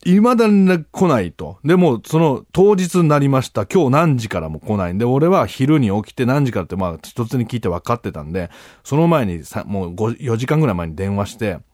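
Loud, animated male comedian host. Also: mid-range voice, a little fast, hardly any pauses, no room sound, studio quality. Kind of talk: casual radio-style monologue.

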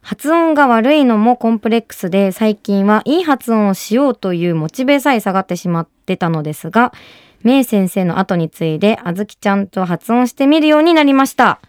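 A woman's voice: mid-range voice, animated, fairly quick, a little mellow, clean tone, no echo, clean studio sound. A woman hosting a radio language program, chatting casually with many fillers and eager reactions. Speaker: radio show host.

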